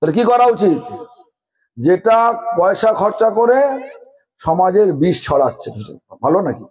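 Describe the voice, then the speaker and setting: A man's voice: sits high, sing-song, a little slow, darkish tone, husky, rough recording. A man with a Bengali accent giving a scolding sermon, asking the audience one rhetorical question after another. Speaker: guru giving a religious discourse.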